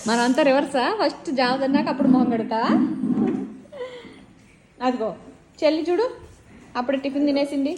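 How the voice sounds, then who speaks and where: A mother with a high, bright voice talks sweetly to her little ones, coaxing and teasing them along. The recording is a bit echoey, with faint noise behind her at home. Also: a little fast, long pauses. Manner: coaxing, sing-song talk to small children. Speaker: mother filming her children. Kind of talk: casual family vlog narration. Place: home indoors.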